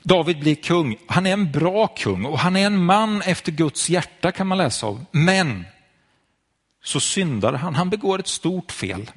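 Male preacher, husky voice, fairly high pitch, storytelling, speaks straight to the listener. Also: animated. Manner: storytelling, addresses listener directly. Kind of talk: sermon to viewers at home.

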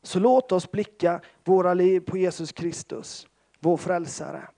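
High-voiced Swedish pastor preaching. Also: male voice, creaky, mellow. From Sävsjö, Småland, Sweden. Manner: storytelling with self-deprecating humor, many fillers. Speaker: pentecostal pastor. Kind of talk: sermon.

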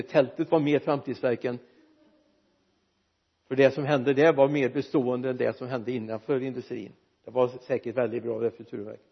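A man preaching a sermon in a church, lively and joking with the congregation. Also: mid-range voice, slightly rough, highs cut off. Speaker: pastor.

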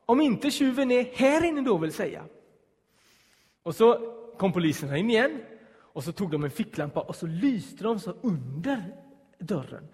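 A man telling a personal story aloud, suspenseful and hushed at the tense moments, acting out the voices he quotes. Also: sits high, in a large hall.

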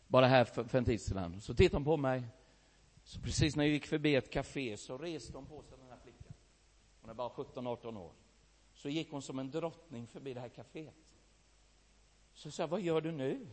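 Swedish-speaking preacher in a reverberant hall. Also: male voice, medium pitch. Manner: emotional storytelling, swings from loud to hushed. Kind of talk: sermon. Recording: long reverb of a large hall.

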